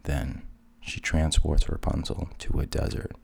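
A man retelling fairy tales in a hushed, half-whispered narration, with wry deadpan asides. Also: very deep voice, unhurried, vocal fry, slightly rough. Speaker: storyteller.

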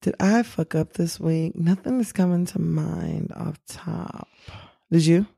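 A woman with a low, gravelly voice co-hosts a casual podcast. She gives blunt, opinionated takes in loose slang. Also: measured pace, warm tone, dry recording, clean studio sound. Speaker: podcast co-host. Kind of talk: casual chat.

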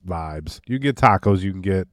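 A man's voice: low-pitched, animated, moderate pace, no echo. A man in his thirties co-hosting a home podcast while sick with a cold, with dry self-deprecating humor. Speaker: podcast co-host. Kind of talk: casual chat. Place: home basement studio.

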